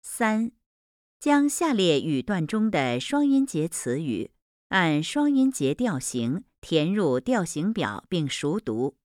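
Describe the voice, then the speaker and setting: A woman reads language-lesson drills aloud at a very slow, deliberate pace. Her pitch moves a lot from word to word, and each syllable is carefully enunciated. The recording is dry and close, with no room sound. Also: very animated, darkish tone, no echo. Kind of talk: slow, careful textbook reading.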